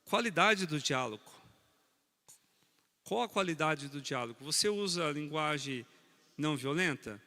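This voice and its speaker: A man preaching a sermon on marriage, animated, teasing his congregation and speaking to them directly. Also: on the high side, a little slow, long pauses, big-room sound.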